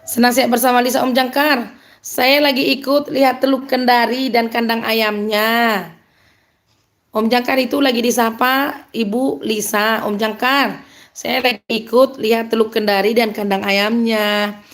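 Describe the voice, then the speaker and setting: Woman, Medan accent, slightly high voice, upbeat live-stream host chatting with viewers and laughing often. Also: fairly even intonation, unhurried. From Medan, North Sumatra. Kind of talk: live-stream chat reading out viewer comments.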